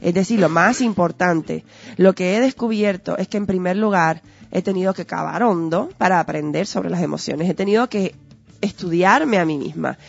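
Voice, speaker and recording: A woman's voice: fairly low pitch, moderate pace, creaky, breathy edge. A woman, talking through ideas as a guest in an earnest, teacherly way with lots of rhetorical questions. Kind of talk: conversational explanatory talk. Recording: dull lo-fi audio with faint music.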